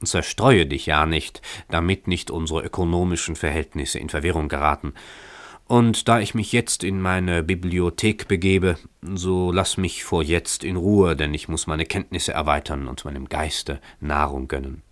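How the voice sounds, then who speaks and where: A man's voice: low voice, fairly even intonation, normal speed, dry recording, natural voice. A man voicing a cheerful, playful young husband, speaking in an exuberant, mock-grand tone in a radio story reading. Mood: jovial.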